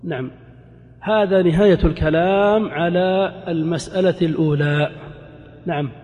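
Man, grammar teacher, high-pitched, questions the class and answers himself, slow repeated examples, reverberant lecture hall. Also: steady tone, muffled recording. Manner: repeats examples slowly for emphasis.

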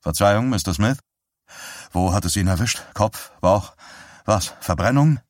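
A reserved male police sergeant, voiced by a male reader delivers news in a measured, formal tone. His voice is deep and the recording is dry and close, in the manner of an audiobook. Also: dry recording, close to an everyday voice. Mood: puzzled.

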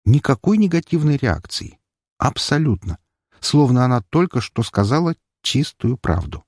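A man reading a first-person audiobook, in a measured, expressive storytelling manner. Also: medium pitch, no room sound, studio quality. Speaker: audiobook narrator.

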